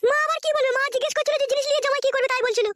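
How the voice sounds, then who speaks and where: A woman's voice: very high-pitched, fairly even intonation, rapid-fire, fairly bright tone, a little hiss or hum, pitched above the performer's own voice. A woman voicing a quarrelsome village wife in a comedy cartoon, nagging and grumbling insults about her husband. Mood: prodding.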